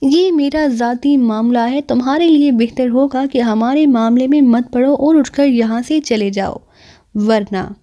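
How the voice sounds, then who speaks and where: A woman voicing a boastful, hot-tempered male street thug who talks in a gruff, threatening way in an audiobook. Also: fairly high pitch, warm tone, natural voice.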